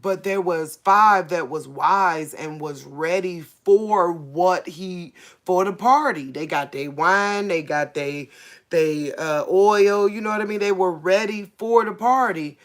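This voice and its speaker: A woman with a fairly low voice hosts a faith livestream, sharing a casual prophetic message with viewers. She speaks haltingly, searching for words and repeating herself.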